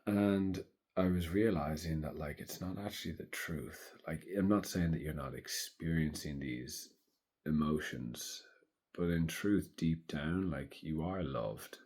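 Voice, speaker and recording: Man in his thirties, extremely low voice, soft-spoken, slow and reflective vlog monologue. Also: breathy edge. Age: 30s. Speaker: vlogger.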